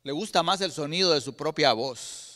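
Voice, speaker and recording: A man with a Guatemalan Spanish accent preaching a sermon as pastor, swinging from loud emphatic peaks to quiet low asides and often calling out to his brothers. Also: animated, normal speed. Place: church sanctuary. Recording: long reverb of a church hall.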